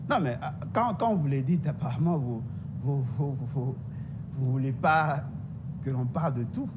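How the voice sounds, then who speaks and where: A man's voice: expressive, normal speed, highs cut off. A man from DR Congo with a Congolese French accent, arguing emphatically as a guest in a political debate, repeating his points. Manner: emphatic, repetitive, insistent. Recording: noisy studio audio with rumble.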